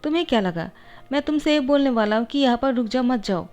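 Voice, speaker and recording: A woman's voice: high voice, expressive, fast, a little mellow, soft background music, voice pushed up. A woman voicing a weary, curt young male doctor in a storybook-style reading.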